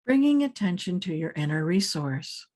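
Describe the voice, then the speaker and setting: A female meditation teacher guides a scripted meditation, speaking calmly, soothingly and in measured fashion, with pauses between phrases. Her voice sits lowish.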